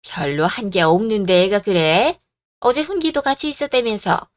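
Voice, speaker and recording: A woman's voice: medium pitch, lively intonation, moderate pace, lightly acted. A woman voicing a reproachful middle-aged mother-in-law who scolds her daughter-in-law, in a radio drama. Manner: accusing, reproachful.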